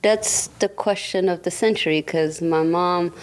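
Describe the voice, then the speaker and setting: Laughing woman from Germany, low voice. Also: a little slow. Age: 30s. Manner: laughing often, animated when telling stories. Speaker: guest barber. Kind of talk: casual chat.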